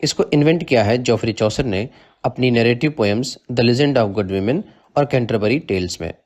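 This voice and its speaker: A man's voice: medium pitch, a little mellow. A man narrating a literature lesson, reading terms in English and explaining them in Hindi. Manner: measured, explains each term in Hindi after reading it in English. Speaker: literature teacher.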